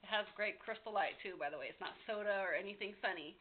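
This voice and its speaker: A woman's voice: mid-range voice, quick pace. A woman giving a casual, candid, rambling update to viewers in an unscripted vlog style. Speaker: vlogger. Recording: tinny phone-like sound, background hiss.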